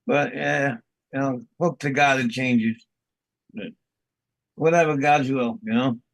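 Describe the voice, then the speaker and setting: A man's voice: mid-range voice, fairly even intonation, unhurried, no room sound. A middle-aged man from the Bronx, a podcast host swearing and laughing through casual stories. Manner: profane, laughing storyteller. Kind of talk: casual chat.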